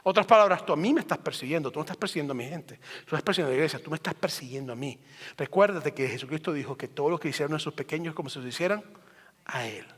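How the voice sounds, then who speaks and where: A pastor with a notably high voice preaches an emphatic sermon, stacking phrase upon repeated phrase to drive each point home. His voice rings out with a long reverb tail, as in a large church sanctuary. He shifts between quiet asides and strong, rising emphasis. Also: animated, racing, husky.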